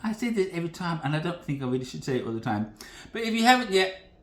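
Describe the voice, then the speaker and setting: A man hosting a casual cooking demo from his home kitchen, talking in a folksy, rambling way with plenty of asides. His voice sits a little high for a man. The room gives it a noticeable echo. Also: very animated, quick pace. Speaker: cooking channel host.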